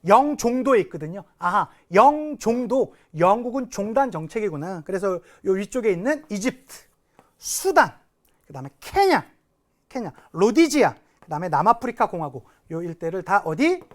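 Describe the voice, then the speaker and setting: A man gives a recorded history lesson for exam students. His voice sits fairly high and leaps up and down with lively, animated energy. He acts out quotes with big emotion. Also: moderate pace. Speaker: history teacher. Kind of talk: recorded exam-prep lecture.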